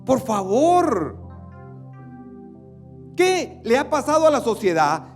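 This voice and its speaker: High-voiced dramatic man preaching. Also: big pitch swings, slow, faint music behind. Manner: dramatic, swings between loud and hushed. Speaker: pastor. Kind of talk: sermon.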